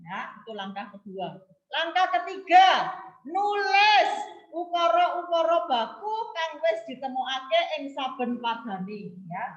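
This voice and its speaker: A woman teacher giving an online class, explaining slowly and repeating each point. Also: sits high, a bit bright. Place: home room, video call. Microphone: video call. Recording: roomy, dull lo-fi video call.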